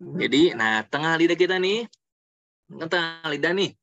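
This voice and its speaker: A man's voice: fairly high pitch, lively intonation, a little slow, vocal fry, fairly bright tone, dull audio. A man teaching Quran recitation in a casual webinar lesson, repeating letter sounds to demonstrate them. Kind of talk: webinar lesson on tajwid pronunciation.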